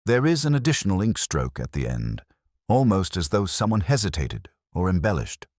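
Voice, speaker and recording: In an audiobook, a man performs the part of a nervous Victorian private secretary, courteous, formal and exact. His very low voice is highly animated and a little mellow, moving at normal speed, and the recording is dry, with no room sound.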